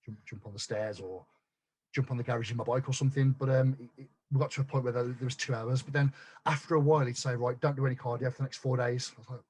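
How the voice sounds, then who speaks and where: A man telling his story as a guest on a podcast, blunt and quick to swear, tripping over restarts. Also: medium pitch, steady tone, darkish tone, a little hiss or hum. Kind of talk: casual chat.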